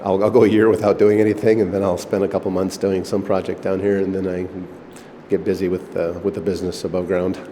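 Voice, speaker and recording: Recorded in a reverberant concrete chamber with faint background noise, this middle-aged missile silo owner shows visitors around in a casual conversational interview. He talks quickly in a low-pitched voice, loose and rambling, with plenty of fillers.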